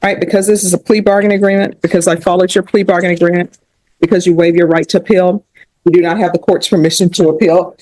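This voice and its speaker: A woman judge speaking firmly and deliberately at a courtroom sentencing. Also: on the low side, fairly even intonation, warm tone, dry recording, rough recording. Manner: firm, measured, questioning.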